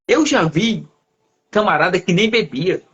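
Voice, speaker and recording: A male pastor telling a lively testimony in a live conversation, acting out the voices of the people in his story. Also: high voice, measured pace, highs cut off. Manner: lively storyteller who acts out quoted voices.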